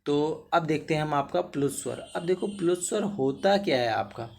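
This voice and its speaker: Gravelly male Hindi teacher, quite high-pitched. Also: expressive, moderate pace, darkish tone, a little hiss or hum. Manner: addresses students as bhaiya, repeats "theek hai na"; drawls vowels to demonstrate length. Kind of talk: exam-prep grammar lesson.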